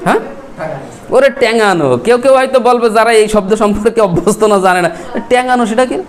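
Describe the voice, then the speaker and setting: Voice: mid-range voice, fast talker. A teacher from Bangladesh, giving a classroom vocabulary lesson, spelling words out letter by letter and quizzing students.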